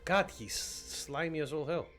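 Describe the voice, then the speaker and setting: A man livestreaming a video game with casual, jokey, halting commentary to his chat. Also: fairly high pitch, fairly bright tone, soft background music. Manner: jokey, chatty, halting fillers.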